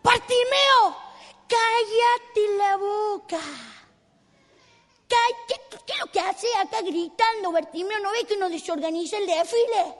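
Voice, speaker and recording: A woman preacher with an Argentine accent voicing a bossy male church usher who barks orders to keep people quiet, in a reverberant hall. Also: extremely high pitch, brisk, few pauses. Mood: scolding. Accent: Argentine Spanish. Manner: sharp scolding orders.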